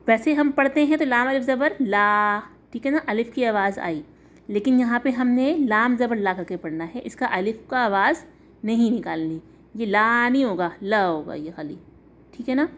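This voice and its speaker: A woman teaches an online lesson. She works patiently through each example, spelling out letters and their sounds slowly so students can follow. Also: fairly high pitch, expressive. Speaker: Quran reading teacher.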